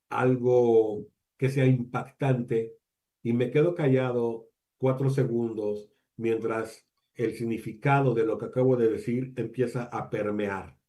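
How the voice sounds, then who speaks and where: A man presenting an online training talk for teachers, measured and addressing the audience directly with questions. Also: mid-range voice, dark tone. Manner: measured, uses deliberate pauses, asks the audience questions.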